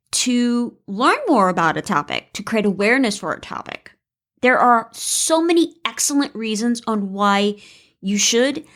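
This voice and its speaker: A woman hosting her own podcast, talking to listeners in a chatty, upbeat, folksy way. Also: a little high. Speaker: podcast host and producer. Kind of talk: podcast monologue.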